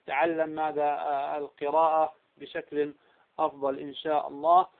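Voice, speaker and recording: High-voiced man teaching recitation, tinny audio. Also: flat delivery, creaky. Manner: repeats each example slowly, asks rhetorical questions. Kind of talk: tajweed lesson with slow recited examples.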